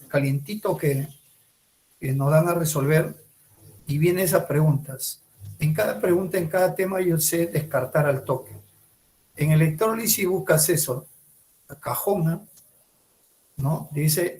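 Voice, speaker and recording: A man's voice: on the high side, a little mellow. Chemistry teacher quizzing his class. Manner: asks questions and answers them himself; emphatic, repeats key words. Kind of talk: recorded class lecture.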